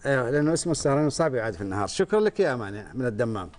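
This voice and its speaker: A man's voice: medium pitch, very animated, racing, darkish tone, slight background noise. A man hosting a talk show, taking callers and joking easily. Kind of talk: casual on-air chat.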